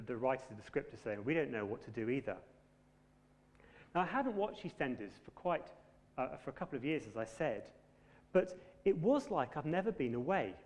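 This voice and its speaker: Male preacher, relaxed conversational sermon, mid pitch, church hall echo. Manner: conversational, self-deprecating humour. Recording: long hall reverb.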